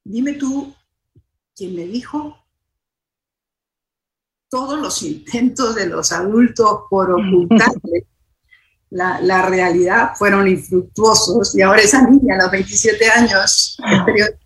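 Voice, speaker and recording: A woman's voice: mid-range voice, slow, long pauses, a bit bright, low-quality recording. A middle-aged woman journalist telling a personal story in an interview, hesitant, with many fillers and restarts.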